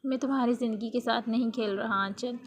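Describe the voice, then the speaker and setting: A woman's voice: a little high, fairly even intonation, a little hiss or hum, lightly acted. A woman voicing a devoted young husband in a read-aloud romance novel, speaking earnestly and tenderly. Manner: earnest, pleading.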